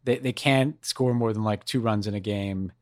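A man's voice: fairly low pitch, moderate pace, no room sound, studio quality. An American man co-hosting a podcast in casual, informal conversation, often repeating himself and backtracking. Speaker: podcast co-host.

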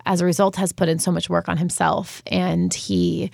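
Earnest, gravelly-voiced woman in her thirties. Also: fairly low pitch, little pitch movement, moderate pace, a little mellow, no echo, studio quality. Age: 30s. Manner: earnest, candid and reflective. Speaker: podcast guest, food business founder. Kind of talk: casual interview chat.

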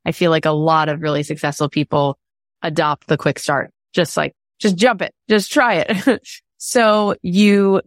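A woman's voice: low-pitched, steady tone, measured pace, no room sound, clean studio sound. A woman hosting a conversational podcast interview, speaking in an affirming, explanatory way. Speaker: podcast host.

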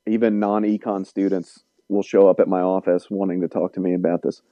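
A man, an economics professor, explaining policy in a measured, lecturing way during an interview. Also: low voice, flat delivery, no room sound, muffled recording.

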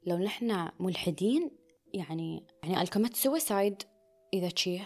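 A woman's voice: on the low side, expressive, moderate pace. A woman speaking in an intimate, confessional way, often dropping to a near whisper and slipping into English phrases. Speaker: vlogger. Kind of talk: personal confessional monologue.

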